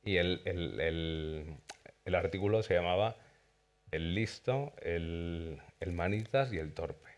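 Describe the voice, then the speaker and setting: A man with a very deep voice and an Aragonese accent, speaking in a festival press interview. He explains at length, repeating words and restarting often as he goes. He is from Zaragoza and talks as the creator of a series. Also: takes it slowly. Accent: Aragonese Spanish. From Zaragoza, Spain.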